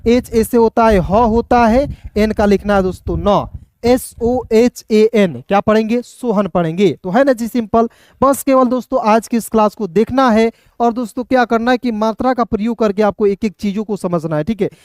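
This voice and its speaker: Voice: mid-range voice, darkish tone, dry recording, clean studio sound. Patient online teacher spelling words out. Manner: spells words out letter by letter, then reads them slowly; keeps addressing viewers as friends, asks and answers own questions. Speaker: English reading teacher.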